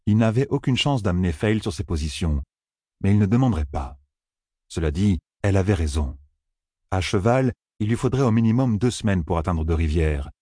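A male audiobook narrator telling a fantasy tale in a measured way. His voice is very deep, dark and husky. The sound is close and dry. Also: dry recording.

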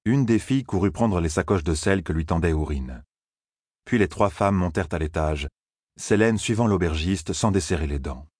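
A man reading a fantasy novel aloud in a measured storytelling manner. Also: low voice, a little mellow, slightly rough, no room sound, studio quality. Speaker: audiobook narrator. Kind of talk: scripted fantasy narration.

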